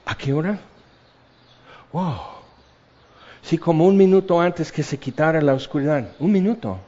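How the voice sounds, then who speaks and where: A man with a Mexican accent delivers a sermon with theatrical swings in volume, from ringing exclamations down to hushed asides. His voice sits a little high for a man. The recording is dull and lo-fi. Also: expressive, moderate pace. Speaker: preacher.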